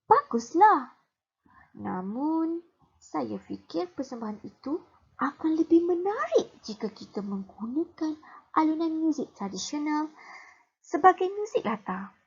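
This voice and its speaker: A Malaysian woman reading the part of an eager schoolgirl in a lively read-aloud voice, in a Malay accent. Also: sits high, a little slow, dull audio, voice pushed up, heavily acted. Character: eager schoolgirl suggesting ideas.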